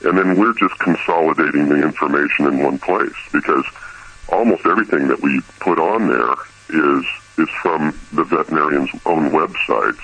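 A man as a radio interview guest, his voice electronically disguised and lowered, speaking hesitantly with stammering restarts. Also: normal speed, fairly bright tone, slightly rough, low-quality recording.

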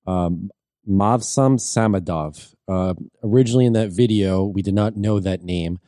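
A man's voice: sits low, normal speed, mellow, no echo, clean studio sound. A man co-hosting a news show, reading out reports hesitantly with many fillers. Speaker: co-host.

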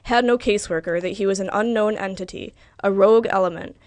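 A woman reading literary fiction aloud in a measured, even narration. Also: mid-range voice, dry recording. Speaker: reader.

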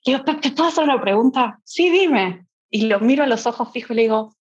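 Lively high-voiced woman telling a story. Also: rapid-fire, muffled recording. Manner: lively storyteller, acts out dialogue, laughs often. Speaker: guest, business executive. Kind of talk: conversational anecdote.

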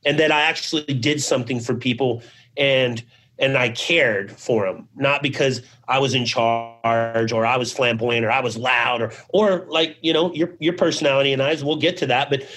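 A man's voice: medium pitch, normal speed, a bit bright. A middle-aged man speaks as a guest in a casual interview, walking through his past. His talk rambles, dotted with "you know" and "man". He slips into the voices of people he remembers as he retells their conversations. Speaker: interview guest, business founder.

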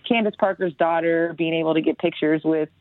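A woman's voice: low voice, fairly even intonation, a little fast, dry recording. A woman joining a sports podcast panel remotely, easygoing and upbeat, with many fillers. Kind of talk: casual sports chat. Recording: tinny phone line.

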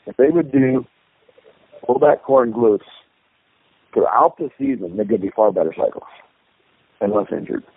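A man's voice: mid-range voice, big pitch swings, moderate pace, creaky, pauses often, husky, no echo. A man speaking as a guest expert, explaining earnestly step by step. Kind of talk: explanatory interview. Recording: tinny dry phone line.

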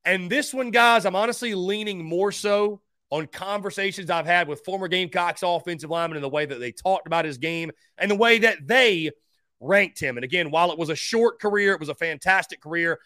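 A man's voice: high voice, a little fast, bright, forceful tone, no echo, clean studio sound. A man hosting a sports countdown, announcing rankings and names with emphasis and talking to listeners as guys. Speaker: sports host counting down a ranked list. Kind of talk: top-five countdown sports commentary.

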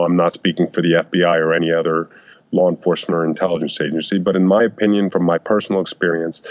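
A man giving interview answers through an electronically disguised deep voice, speaking in a measured, careful way with frequent "uh" and "um". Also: a little mellow, no echo. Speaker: interview guest. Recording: dull, lo-fi processed voice.

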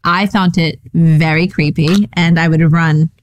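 A woman co-hosting a podcast in casual chat, blunt and teasing, driving her points home with flat emphasis. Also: low voice, unhurried. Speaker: podcast co-host.

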